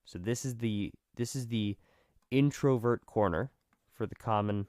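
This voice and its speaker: A man with vocal fry, just over being sick, giving a casual, rambling explanation and often correcting himself. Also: lowish voice, a little slow, a little mellow, no echo, clean studio sound. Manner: rambling, self-correcting, self-deprecating. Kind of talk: casual, informal explanation at a drawn diagram.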